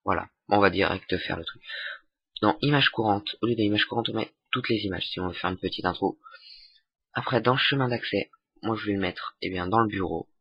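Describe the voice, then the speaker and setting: A young man giving a casual software tutorial, hesitant with many fillers and restarts. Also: lowish voice, fairly quick, slightly rough, no echo. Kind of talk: casual screen-recorded tutorial. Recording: dull lo-fi desktop mic.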